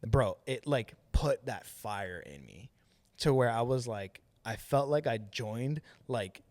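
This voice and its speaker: A man's voice: mid-range voice, slow, no room sound. A man hosting a podcast, telling a personal story in casual, slangy chat and acting out what people said. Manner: slangy and animated, acts out quoted dialogue. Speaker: podcast host telling his testimony.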